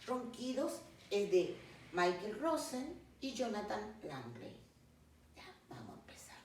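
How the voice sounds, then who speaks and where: A woman slowly reading a picture book aloud to children, acting out the animal sounds. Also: medium pitch, very animated. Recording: distant mic, very echoey room, faint noise.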